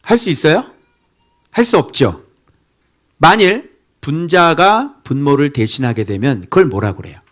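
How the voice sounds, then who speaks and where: A middle-aged male pastor preaching an expository sermon, firing rhetorical questions at the congregation and swinging between loud scolding outbursts and near-whispers. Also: a little high, big pitch swings, a little slow, pauses often.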